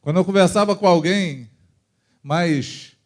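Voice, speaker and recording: A man with a Brazilian accent preaching a testimony in church, moving between loud and soft passages as he tells his story. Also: high-pitched, measured pace. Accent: Brazilian Portuguese. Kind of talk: sermon testimony.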